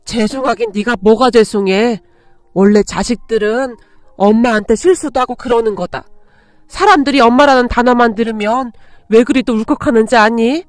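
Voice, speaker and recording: A woman's voice: fairly high pitch, normal speed, dry recording, faint music behind, lightly acted. A woman voicing an older mother-in-law who is stern with outsiders and motherly to her daughter-in-law. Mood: tender. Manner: firm and protective, motherly.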